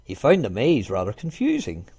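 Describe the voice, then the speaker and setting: A man with a husky, mid-range voice reads a children's storybook aloud at a normal pace, narrating expressively.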